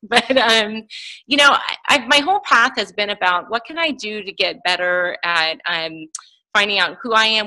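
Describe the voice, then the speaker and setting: An energetic woman guest speaks in an interview with a bright, forward tone. She laughs often and now and then clears a slight frog in her throat. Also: mid-range voice, poor audio. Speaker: guest, lawyer and coach. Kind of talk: interview conversation.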